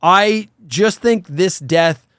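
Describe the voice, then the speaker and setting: A man co-hosting a casual film discussion, retelling things in an animated, sweary way and acting out quotes. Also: high voice, slow pace, clear, resonant tone, no room sound, studio quality. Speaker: podcast co-host.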